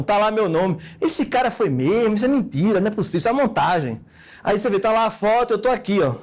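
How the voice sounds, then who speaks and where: A man, teaching an orthodontics course in a brash, joking, slangy and emphatic way. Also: high voice. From Recife, Brazil. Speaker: orthodontics lecturer. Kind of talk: casual lecture with anecdotes.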